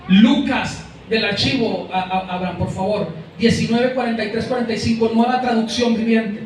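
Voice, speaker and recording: A man's voice: high-pitched, moderate pace, slight background noise. A male pastor with a Mexican Spanish accent preaching a sermon, speaking directly to his congregation and calling out names. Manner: repeats words while searching for them. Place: church hall. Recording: very echoey room, voice from far off.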